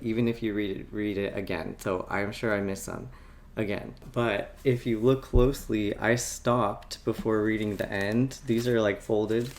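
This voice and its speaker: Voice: medium pitch, a little mellow. A chatty author talks straight to camera in a casual storytime vlog. The talk is self-mocking and full of laughs, and the speaker often slips into quoted worried thoughts. Between stories they hold up a tabbed book to show the camera.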